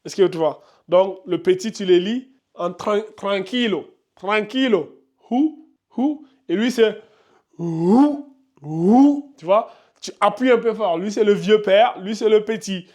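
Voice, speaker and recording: A Pulaar-speaking man with a fairly high, slightly mellow voice teaches the Arabic alphabet at a whiteboard. He stretches out each syllable slowly and repeats it several times. Between drills he speaks to his learners in a chatty, direct manner.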